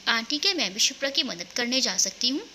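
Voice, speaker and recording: A woman's voice: fairly high pitch, very animated, fairly quick, pushed and bright, slight background noise, heavily acted. A woman playing an innocent young bride. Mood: coaxing. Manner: innocent, coaxing.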